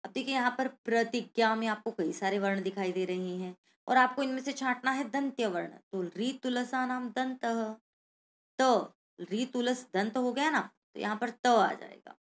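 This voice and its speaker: A woman's voice: fairly high pitch, measured pace. A woman Sanskrit teacher going through a worksheet lesson, sounding out each letter and speaking directly to the children watching.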